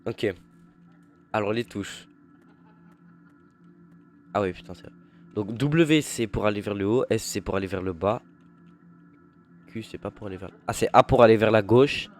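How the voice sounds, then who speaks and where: A man's voice: lowish voice, normal speed, pauses often, soft background music. A young man giving casual, chatty commentary while playing a horror game, jumpy and swearing when startled. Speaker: gaming youtuber.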